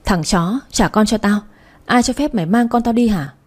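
A furious young mother flings bitter insults and demands her baby back, as a woman reads her lines. The voice sits mellow and warm, never bright. It is a storybook reading rather than a full performance. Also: mid-range voice, moderate pace, lightly acted. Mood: furious, pleading.

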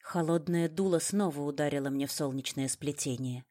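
Low-voiced woman, first-person audiobook narrator, measured and dramatic. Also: warm tone.

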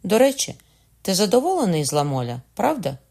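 A man's voice: high-pitched, huge pitch swings, brisk, creaky, a little mellow, voice pushed up, heavily acted. A man reading as a shrewd young king. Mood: warm. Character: shrewd young male king, wry and playful.

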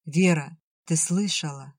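A man's voice: a little high, unhurried, slightly rough, dry recording. A man voicing a frightened, naive young woman in a storybook reading. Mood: anxious. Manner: anxious, naive.

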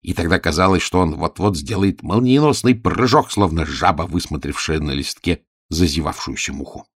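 A man narrating a fairy-tale audiobook with a husky, gravelly voice. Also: deep voice, normal speed, no echo, studio quality.

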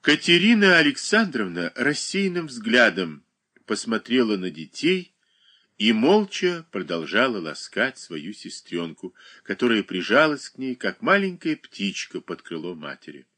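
Male audiobook narrator, lowish voice, lively intonation, bright tone, expressive novel reading. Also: a little slow. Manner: expressive, varied reading of dialogue. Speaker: audiobook reader.

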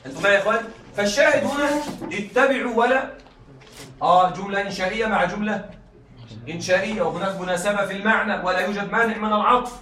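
A man teaching a class, often checking that students follow, repeating key points and reading examples slowly. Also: high voice, sharp tone, echoey room, far from the mic. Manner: reads examples slowly and deliberately. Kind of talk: classroom lecture.

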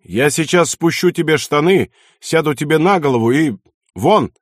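A man voicing an irascible old male Finnish baron who shouts, scoffs and chokes with rage. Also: medium pitch, expressive, moderate pace, no room sound, studio quality, close to an everyday voice. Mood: furious shouting. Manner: shouting, scornful, choking with rage.

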